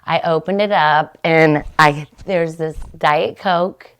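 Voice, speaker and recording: A talkative middle-aged woman hosting a podcast meanders through a story in casual chat, speaking slowly. Her fairly low voice has a gravelly fry, and her pitch leaps up whenever she gets excited.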